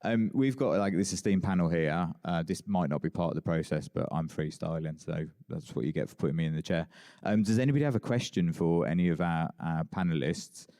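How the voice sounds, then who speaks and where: A man's voice: low voice, a little fast, few pauses, dark tone. A man chairing a conference panel, casual and chatty, self-deprecating, with many fillers. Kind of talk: moderating a panel. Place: conference hall.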